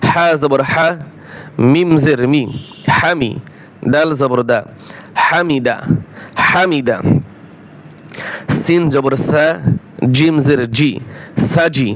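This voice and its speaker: A man teaching Quran reading, slowly spelling each Arabic letter with its vowel, repeating syllables for learners and asking and answering his own questions. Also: mid-range voice. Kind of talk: slow drilled recitation lesson.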